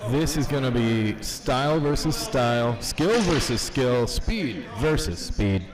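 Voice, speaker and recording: Male live sports commentator, mid pitch, booming announcer delivery, crowd noise behind. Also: expressive, a little slow, poor audio. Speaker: event stream commentator. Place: large hotel event hall.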